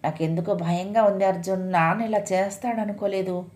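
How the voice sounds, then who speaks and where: A woman's voice: mid-range voice, steady tone, a little fast, a little mellow, natural voice. A woman voicing an anxious, frightened young woman in a read-aloud story. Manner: anxious, worried.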